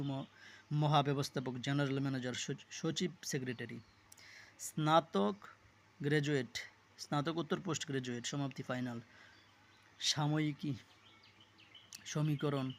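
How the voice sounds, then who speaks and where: A man's voice: fairly high pitch, fairly even intonation, creaky, slight background noise. Man reading out word lists. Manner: reads lists of words slowly, with small self-corrections. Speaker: teacher. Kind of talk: reading and explaining a word list for exam study.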